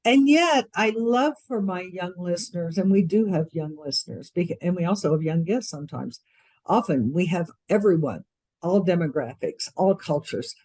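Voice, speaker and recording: A woman hosting a podcast interview, reacting quickly and speaking with emphasis. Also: lowish voice, lively intonation, a little mellow, no echo. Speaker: podcast host. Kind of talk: casual interview conversation.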